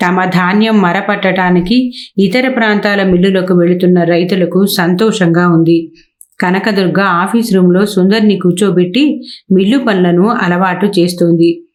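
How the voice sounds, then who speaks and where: A woman narrating a serialized novel as an audiobook in a steady, measured storytelling manner. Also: on the low side.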